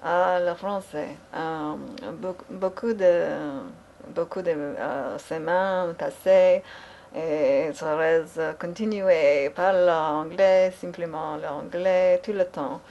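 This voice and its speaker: A woman practicing French in a halting monologue. She hesitates a lot, fills pauses with long sounds and slips into English. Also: lowish voice, fairly even intonation, dark tone, highs cut off. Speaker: French learner. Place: home in Dallas, Texas.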